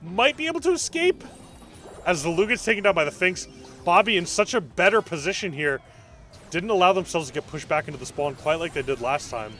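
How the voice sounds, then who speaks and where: Young male streamer casting live: high voice, bouncy delivery, faint music underneath. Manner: excitable, reacts to chat between calls. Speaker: streamer casting an esports match. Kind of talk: live play-by-play commentary.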